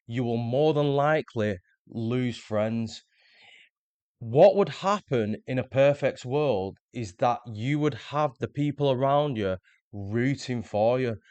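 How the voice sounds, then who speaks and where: Male host, mid-pitched, dry close sound, earnest explainer. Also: takes it slowly, a little mellow, dry recording, muffled recording. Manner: earnest, explanatory, repeats words when restarting. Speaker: self-improvement video host. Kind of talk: scripted motivational monologue.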